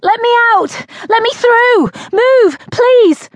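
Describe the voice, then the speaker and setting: A woman's voice: on the high side, lively intonation, a little slow, dry recording. A woman narrator voicing a flustered young woman caught in a crowd, speaking urgently and breathlessly. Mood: panicked.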